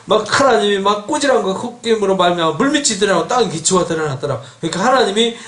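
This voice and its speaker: A middle-aged male pastor preaching an expository sermon in a church, animated and quizzing his congregation with questions. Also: sits high, quick pace. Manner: animated, asks the congregation questions, acts out an angry God. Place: church sanctuary. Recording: echoey church hall.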